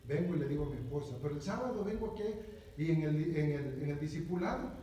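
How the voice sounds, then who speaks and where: A man preaches a chatty sermon in a fairly high voice, repeating himself and asking the room for agreement. He is picked up from well back in a very reverberant hall, with a faint hiss underneath. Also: animated, fast, mellow. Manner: conversational, repeats words, often asks "¿verdad?". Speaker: pastor. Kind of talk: conversational sermon. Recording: very echoey, distant, faint noise.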